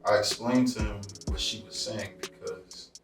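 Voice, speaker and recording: A man's voice: on the low side, fairly even intonation, normal speed, gravelly. A man co-hosting a podcast in casual, rambling conversation. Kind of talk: casual chat. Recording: echoey room, far from mic, music behind.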